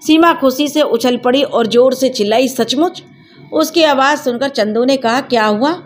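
A woman reading a village story aloud in a steady, plain narrating voice. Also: high voice, moderate pace, soft background music.

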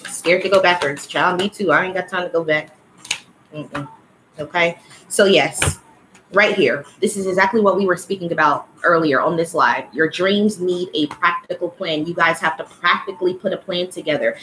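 Woman, low voice, livestream card reader, casual, blunt, swearing, faint background noise. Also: fairly bright tone, low-quality recording. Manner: calls listeners child and y'all. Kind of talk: livestream oracle card reading.

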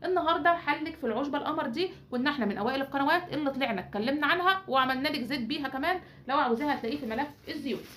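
A woman's voice: high-pitched, rapid-fire, few pauses, a bit bright, a little hiss or hum. A woman with an Egyptian accent hosting a home hair-care recipe tutorial. She is chatty and teasing, and talks straight to her viewers as if they were her sisters. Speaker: beauty channel host.

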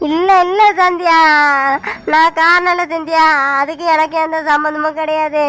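A woman's voice: high-pitched, little pitch movement, fairly quick, pushed and bright. A woman with a Tamil accent voicing a desperate young man in a cartoon, pleading tearfully. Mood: distressed.

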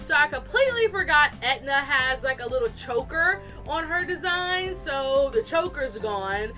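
A woman with a high, bright voice talks casually as she narrates her art video. She is chatty, animated and quick to poke fun at herself. Soft music plays behind her, and a fan is running nearby. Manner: chatty, animated, self-deprecating. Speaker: artist and video host. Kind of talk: casual speed-drawing voice-over.

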